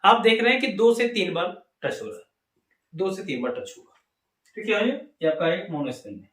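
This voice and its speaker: A man's voice: sits high, big pitch swings, fairly quick, fairly bright tone. A man with an Indian accent teaching an English lesson to a class, asking questions and answering them himself. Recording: echoey room.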